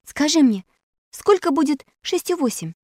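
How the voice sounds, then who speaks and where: Brief: woman reading as a quick-witted girl, high and pointed. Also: very animated, no room sound, clean studio sound. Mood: probing. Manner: sharp, questioning.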